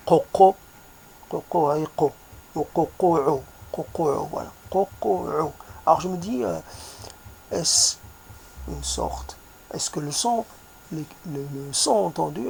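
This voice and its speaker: A man with a noticeable accent, speaking softly in a reflective monologue, pausing often and searching for his words. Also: fairly high pitch, vocal fry, slight background noise. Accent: foreign accent in French. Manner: hesitant, searching for words, many fillers; soft-spoken.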